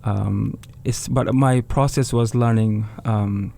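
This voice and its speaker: A man from Bangladesh, a tabla player, talking in a radio interview in a halting way and often restarting words. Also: on the low side, fairly even intonation, gravelly, mellow. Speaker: tabla player, guest musician. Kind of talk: casual interview talk.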